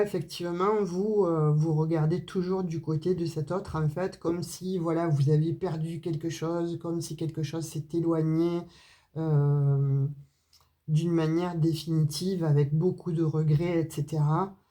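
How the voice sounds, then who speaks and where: This tarot and astrology reader has a low-pitched, steady, warm voice and an unhurried pace. In her southern French accent, she gives a casual card reading to camera, chatting to viewers with plenty of hesitations and asides.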